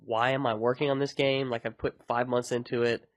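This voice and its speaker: A man's voice: mid-range voice, level tone, a little fast, dry recording. A man hosting a podcast, talking in a casual, rambling way about his own work. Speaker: podcast host and indie game developer.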